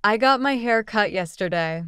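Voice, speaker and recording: Woman reading practice sentences, very clean voice, no room sound at all, slow and even. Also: medium pitch, no room sound, studio quality. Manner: clear, even, deliberate delivery of short sentences. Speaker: English practice reader.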